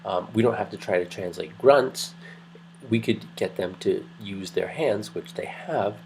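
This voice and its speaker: Male lecturer, deep and gravelly, talking in a low, chatty way over faint noise. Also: measured pace. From Greece heritage. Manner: rambling, conversational, many fillers and restarts; kept quiet, late at night. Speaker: anthropology lecturer. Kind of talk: recorded online lecture. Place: home at night.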